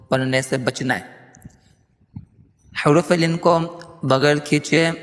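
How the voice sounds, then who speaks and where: A man teaching a Quran reading class, quickly explaining rules and slowly chanting the letter sounds. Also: medium pitch. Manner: spells letters out in a slow chant; quick, gentle explanations between drills. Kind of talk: online lesson. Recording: long reverb, faint music behind.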